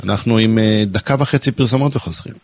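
A man's voice: lowish voice, darkish tone, no room sound. A man with an Israeli accent hosting a live radio morning show, asking questions and linking segments.

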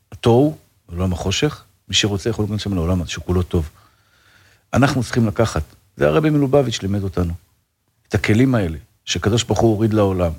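A rabbi talking in an interview, earnest and fervent, with frequent religious phrases and restarts. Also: male voice, deep voice, darkish tone, husky. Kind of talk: casual interview talk.

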